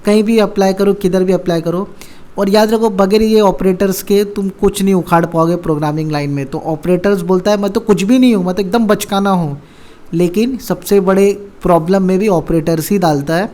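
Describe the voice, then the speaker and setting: A man's voice: on the high side, warm tone. Chatty man teaching coding basics. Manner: conversational, keeps quizzing with rhetorical questions. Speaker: programming teacher. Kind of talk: casual coding tutorial.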